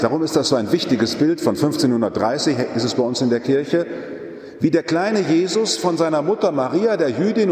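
A man preaching a sermon, explaining a psalm verse by verse and repeating its lines with new stress. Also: on the high side. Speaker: priest. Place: large church. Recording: echoey church from a distance.

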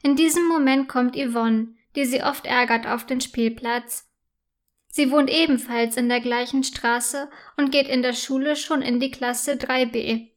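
Brief: woman storyteller, children's story narration, gentle and unhurried, high voice. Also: fairly even intonation. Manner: slow, clear, gentle storytelling.

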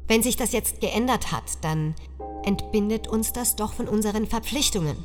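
A woman's voice: medium pitch, moderate pace, big-room sound, natural voice. A resentful young husband full of scorn speaks in an agitated, contemptuous way, as a woman reads him. He presses his case hard. Music plays under the storybook reading. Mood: pleading.

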